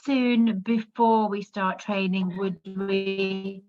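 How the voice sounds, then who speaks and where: A woman speaks slowly over a video call whose connection keeps breaking up. The audio is dull and lo-fi, with faint guitar music underneath. She repeats her question patiently until it gets through. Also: medium pitch, fairly even intonation. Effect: breaking-up, bad video-call connection. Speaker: cyclist asking the coach. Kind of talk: online group coaching call.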